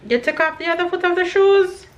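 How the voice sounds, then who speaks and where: A Jamaican woman in her thirties, a family vlogger, chats casually to her camera and her kids in her home kitchen. Her voice is extremely high and brisk with a steady tone, and she sounds stuffy-nosed. The recording is noisy and echoey, as in a home room.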